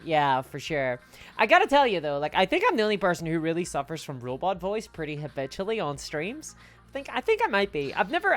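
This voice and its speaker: A woman streaming live, chatting casually and answering viewer comments in a rambling, self-mocking way. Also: lowish voice.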